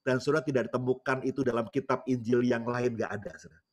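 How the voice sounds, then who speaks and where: A man's voice: medium pitch, steady tone, quick pace. A male pastor preaching a sermon in a storytelling way, often addressing the congregation directly. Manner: storytelling, repeatedly addresses listeners.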